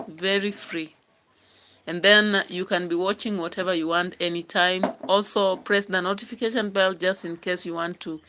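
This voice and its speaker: Bright-voiced Kenyan woman vlogging commentary. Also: medium pitch, slight background noise. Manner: chatty, musing aloud, pausing with fillers. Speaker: YouTube channel host. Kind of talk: casual political commentary vlog.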